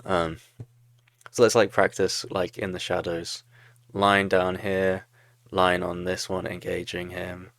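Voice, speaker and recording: Young guy, deep gravelly voice, going over his own game replay, kinda self-critical, dry close sound. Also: flat delivery, takes it slowly, a bit bright, dry recording. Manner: self-critical, talks through moves, laughs at own mistakes. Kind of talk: casual game commentary.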